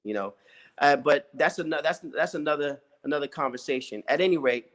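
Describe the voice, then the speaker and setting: A male interviewer with a voice a touch higher than most men's works his way through long questions. He stops and restarts often, filling the gaps with "you know" and "uh" while he talks casually. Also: a little fast, a bit bright. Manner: rambling, hesitant questions full of "you know" and "uh".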